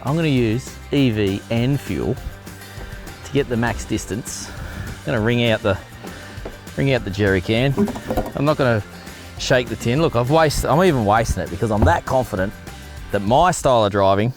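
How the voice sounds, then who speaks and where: A man's voice: medium pitch, expressive, normal speed, long pauses, music in the background. A man with a broad Australian accent bantering casually in a cocky, matey, slangy way as he presents an off-road driving video.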